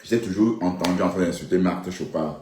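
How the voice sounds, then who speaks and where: A man's voice: sits low, a little fast, echoey room, background noise. A man giving casual, rambling live-stream commentary, often checking in with viewers with little asides. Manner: rambling, addresses viewers directly with frequent "hein" and "d'accord".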